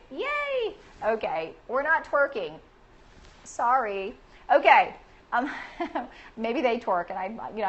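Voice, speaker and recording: A middle-aged woman hosting a casual livestream, bubbly and encouraging, greeting viewers and cheering them on with frequent squealed yays. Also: on the high side. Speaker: livestream host.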